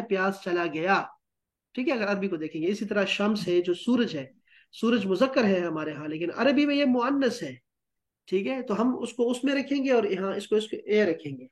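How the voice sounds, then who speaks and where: A man teaching a Quran translation class, patiently explaining word meanings and checking in with students. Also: sits high. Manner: patient, explains with repeated checks like "theek hai?".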